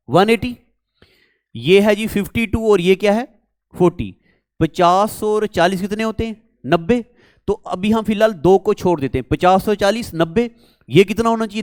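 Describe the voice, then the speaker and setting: The speaker is a man with a high voice teaching maths, coaxing his students and repeating words as he asks them questions about a problem. The studio sound is clean, with no room in it.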